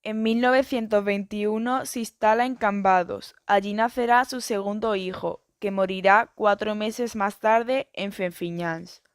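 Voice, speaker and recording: A woman reading an educational biography and book summaries in a steady, even narration. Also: mid-range voice, a little slow, few pauses, smooth, no echo, clean studio sound.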